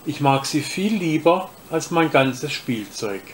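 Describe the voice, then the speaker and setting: A man's voice: a little high, expressive, slow, slight background noise. Man voicing a shy young boy. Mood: timid. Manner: timid, soft-spoken.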